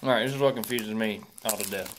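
A man's voice: fairly low pitch, fast, a bit bright, a little hiss or hum. A young man in his twenties with a Kentucky Southern accent, rambling casually through a review in a laid-back, folksy way, at times talking with a pipe in his mouth. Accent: Kentucky Southern American. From Kentucky, United States. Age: 20s. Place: small room indoors. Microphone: phone at arm's length.

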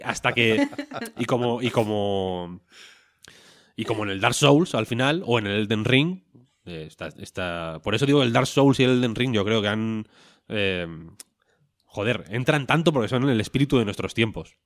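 A man's voice: on the low side, normal speed, dry recording, clean studio sound. A man, co-hosting a podcast in casual chat, rambling and joking with a lot of swearing. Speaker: podcast co-host.

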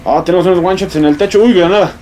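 A young man with a Mexican accent giving excitable, swear-filled let's play commentary, yelping and exclaiming as he plays. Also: high voice, very fast, a little hiss or hum. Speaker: gamer.

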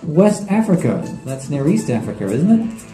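A man's voice: on the high side, very animated, moderate pace, dark tone, roomy sound, faint music behind, low-quality recording. Playful middle-aged man co-hosting. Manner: playful, teasing. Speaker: co-host. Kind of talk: joking interview hosting. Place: small studio set with couches. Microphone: handheld mic.

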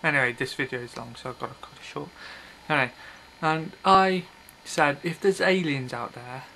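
Speaking at a normal speed, a video blogger in his thirties gives a casual, rambling monologue to his webcam in a small red-curtained bedroom, blunt and offhand and prone to breaking off mid-thought. His voice is fairly high, gravelly and bright, with a forceful tone. The built-in webcam mic produces poor audio with slight background noise.

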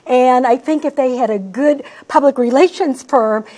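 Woman hosting a talk show, kinda high voice, lots of ums and restarts. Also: warm tone. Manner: halting, many fillers and restarts. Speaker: host. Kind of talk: casual talk-show chat.

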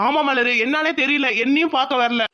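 A man's voice: very high voice, steady tone, brisk, sharp tone. A man voicing a lovesick young village man in a cartoon, pleading and worried.

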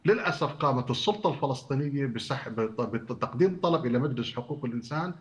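A man, a human rights adviser guest on a news panel, explaining his points in a measured, steady way. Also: mid-range voice. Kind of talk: analytical commentary.

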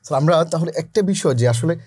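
Fast, husky male interviewer. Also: on the high side, dark tone, no echo. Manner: polite questioner addressing the guest as sir, quick affirmations. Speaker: interview host. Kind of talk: casual interview talk.

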